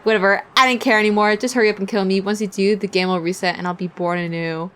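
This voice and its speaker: A young woman streaming a visual novel, reading its text aloud in an animated, giggly way and swearing freely. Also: medium pitch, fast talker.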